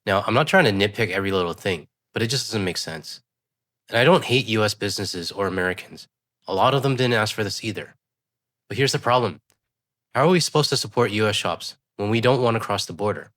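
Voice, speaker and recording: Man, congested, quick pace, lowish voice, direct commentary host. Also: animated, a bit bright. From West Coast of Canada. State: congested from a cold. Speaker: news commentary channel host. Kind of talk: casual commentary.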